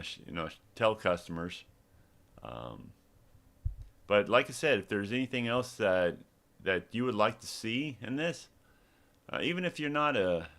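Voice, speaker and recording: A man's voice: low voice, a bit bright. A middle-aged man, a developer and small business owner, talking casually in a rambling live demo with many restarts and fillers. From Texas.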